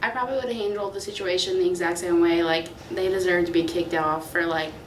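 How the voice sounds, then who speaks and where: A woman's voice: fairly low pitch, fairly even intonation, quick pace, a little hiss or hum. A woman of twenty, a student interviewee who talks casually and fills her speech with "like". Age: 20s. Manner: casual, full of "like" fillers. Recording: echoey, distant mic.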